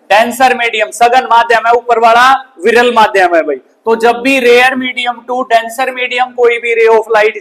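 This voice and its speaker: Very high-voiced male science teacher. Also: low-quality recording. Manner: asks the class questions and answers them himself; often ends lines with "bhai". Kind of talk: classroom physics lesson. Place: school classroom.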